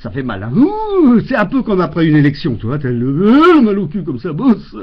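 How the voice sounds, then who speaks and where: A man's voice: sits high, wildly swooping pitch, normal speed. A man doing a rambling, exasperated comic monologue into a webcam at home, full of fillers and mock rants. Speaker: comedian. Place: home, indoors. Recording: dull lo-fi webcam audio.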